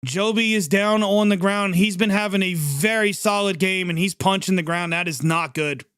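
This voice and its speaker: A man hosting a live sports reaction stream, calling the plays as they happen in an excitable, chatty way and reacting quickly to each one. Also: high voice, smooth, no room sound, studio quality. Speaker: livestream sports reaction host. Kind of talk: live play-by-play reaction commentary.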